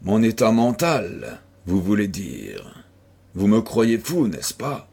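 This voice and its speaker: A sickly, brooding young recluse, voiced by a man reading aloud, weary and bitterly ironic. The voice is husky and unhurried, each phrase dragged out slowly. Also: on the low side, very animated, darkish tone, exaggerated voice. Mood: feverish, bitter. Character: feverish, melancholic young male recluse, bitter.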